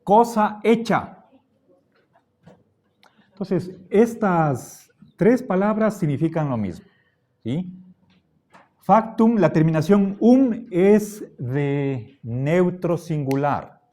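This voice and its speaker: Male lecturer, slightly high voice, very slow and deliberate, keeps checking students follow. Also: lively intonation, warm tone. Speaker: teacher. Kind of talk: classroom lecture.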